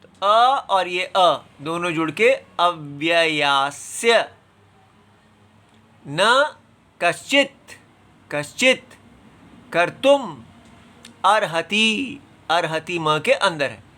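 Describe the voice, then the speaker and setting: A man teaching a scripture class, patiently explaining and breaking words apart syllable by syllable, sometimes reciting verses in a slow chant. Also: high voice, lively intonation, pushed and bright.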